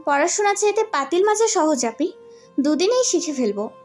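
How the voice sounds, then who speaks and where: A woman's voice: extremely high pitch, sing-song, normal speed. A woman voicing a restless, pouting young bride in an audio story drama, whiny and sulky. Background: soft background music.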